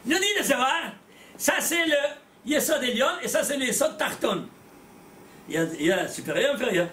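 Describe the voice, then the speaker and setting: A man teaching a religious class, animated and blunt, firing rhetorical questions at his students and repeating words as he goes. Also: very high voice, a little fast. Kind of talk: lively religious lecture to a small class. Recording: echoey room, voice from far off.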